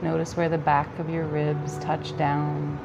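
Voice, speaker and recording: Slow, low-pitched woman guiding meditation. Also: muffled recording, background noise. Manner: calm, soothing, gentle delivery with long pauses. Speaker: yoga nidra guide. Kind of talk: guided relaxation meditation.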